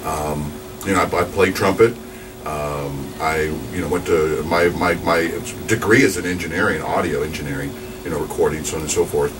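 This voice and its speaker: With a bass voice, fairly even intonation and a moderate pace, a man in his forties chats away in an interview. He's a radio DJ from New Mexico, USA, and he rambles in an upbeat way, using many fillers and restarts. The recording comes from a distant mic amid background noise.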